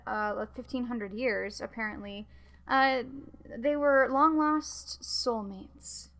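A woman hosting a podcast in a casual, chatty way, often laughing and filling pauses with ums and uhs. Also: a little high, a bit bright. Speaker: podcast host. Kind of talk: casual chat.

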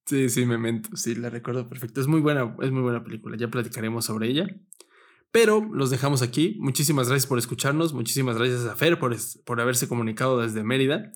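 A man's voice: medium pitch, fast. A man from Mexico co-hosting a podcast, bantering casually with slangy, playful chatter. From State of Mexico, Mexico. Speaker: podcast co-host. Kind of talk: casual chat.

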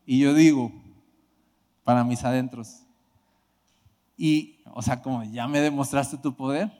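A man giving an emotional sermon testimony, animated and bursting into shouts. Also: mid-range voice, a little slow. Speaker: preacher. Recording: hall reverb.

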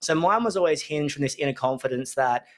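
A man's voice: a little high, a little fast. A man, a tradesman and business owner, hosting a solo podcast in a rambling, jokey storytelling way. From Australia. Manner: rambling, jokey storytelling with animated put-on voices. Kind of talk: casual solo podcast talk.

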